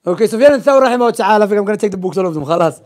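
A young religious teacher races through an informal Islamic lesson in a high, expressive, darkish voice. He tells stories and poses quiz questions in non-native English interspersed with Arabic terms. He's in a small indoor library room, his mouth close to a gooseneck microphone.

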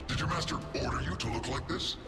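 A man's voice: medium pitch, a little fast, lightly acted. A man voicing a scornful male enemy in a video game cutscene, speaking in a taunting way. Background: loud game music.

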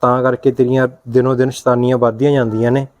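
A man plays a stern husband, scolding in a steady, reproachful way. His voice is mellow and dark, at an ordinary pitch for a man. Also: quick pace, dull audio, close to an everyday voice. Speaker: husband and brother.

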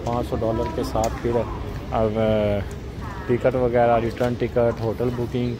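A man's voice: medium pitch, completely flat delivery, slow pace. Man giving a casual airport walking tour. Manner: casual, conversational, pointing things out. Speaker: travel vlogger. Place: large airport terminal, indoors. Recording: noisy airport terminal background.

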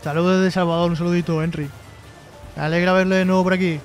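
Man, high voice, live-stream host, jokey reading chat aloud, light music in the background. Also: level tone, fast. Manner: joking, reads chat messages aloud and replies.

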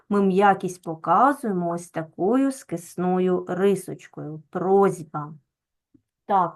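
A woman teacher, explaining a lesson to young pupils. She speaks very slowly and deliberately and leans hard on every example word. Her pitch sits in an ordinary middle range. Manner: slow, deliberate, stresses and repeats example words.

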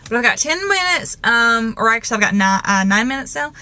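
A young woman sits in her parked car and talks into a handheld camcorder, her voice a touch high. She rambles and restarts, shaken and nervous after a scare. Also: lively intonation, brisk, bright, forceful tone. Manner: rambling and jittery, many fillers and restarts. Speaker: vlogger. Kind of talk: casual vlog in a parked car.

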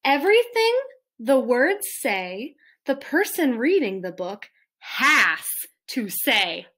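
A woman's voice: fairly high pitch, sing-song, slow pace, sharp tone. A woman teacher reading a picture book aloud to children with playful, mock-dismayed reactions.

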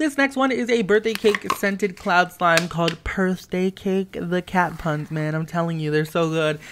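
A man reviews and shows off slimes over tabletop footage, chatting in an eager, gushing, upbeat voice-over. The voice is high-pitched and fairly bright at a moderate pace, with slight background noise.

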